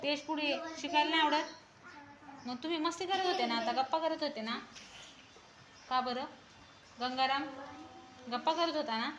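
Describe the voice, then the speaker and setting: A woman teacher talks with young pupils in a school classroom. She keeps coaxing and repeating her questions, asking them to speak louder. Her voice sits high, and the room is full of classroom noise behind her. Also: moderate pace, long pauses. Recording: noisy classroom ambience.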